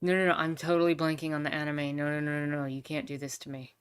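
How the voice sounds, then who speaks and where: A woman's voice: low-pitched, little pitch movement, quick pace, clean tone. A woman streaming a game, chatting casually as she comments on the story and reads dialogue.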